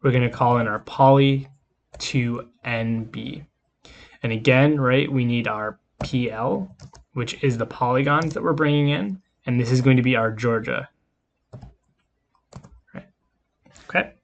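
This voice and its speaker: A man teaching a recorded coding lesson in an easygoing, explanatory way. His voice sits at an ordinary middle pitch and he talks through each step as he goes. Keyboard clicks and typing come through behind him. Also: unhurried, vocal fry, pauses often, dull audio, slight background noise. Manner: casual, explanatory, talks while typing code. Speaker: lecturer. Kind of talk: screen-recorded coding lecture.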